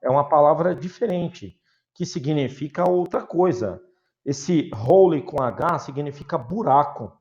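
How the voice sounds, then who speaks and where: A man's voice: a little high, measured pace, darkish tone, muffled recording. A man with a Brazilian Portuguese accent teaching an English class over a video call, explaining patiently with examples.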